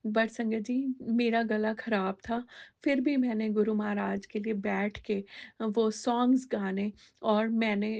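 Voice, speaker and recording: A woman's voice: fairly high pitch, level tone, unhurried, gravelly, a little mellow, highs cut off. A woman telling a personal devotional testimony in a conversational way, slipping English words into her talk with many fillers.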